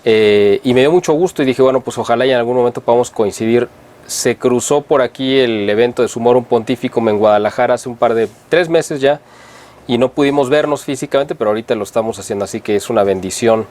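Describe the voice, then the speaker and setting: Interviewer guy, average pitch, friendly, rambles and keeps saying no?. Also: quick pace, a little mellow. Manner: friendly, rambling, frequent tag questions. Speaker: interviewer host. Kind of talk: interview introduction and questions.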